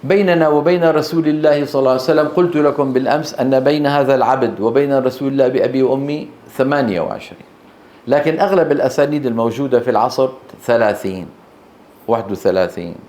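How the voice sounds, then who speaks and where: A man's voice: medium pitch, fast talker, darkish tone. A man with a Levantine Arabic accent teaching Quran recitation to a class in a hall, speaking emphatically and quizzing his students with short questions. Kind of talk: classroom lecture. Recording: echoey room.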